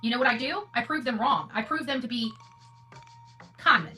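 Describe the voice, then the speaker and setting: She's an American online host with a fairly high pitch, a moderate pace and a sharp edge, addressing viewers casually while wandering between thoughts and emphatically repeating phrases. Music sits behind her voice, and the mic is far away.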